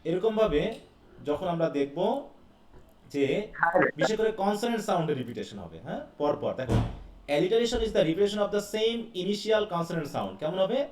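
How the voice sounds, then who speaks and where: A man's voice: high-pitched, sing-song, normal speed, darkish tone. Male teacher in an echoey classroom. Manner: explains step by step, asking students questions. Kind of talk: live class lecture. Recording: echoey classroom heard from a distance.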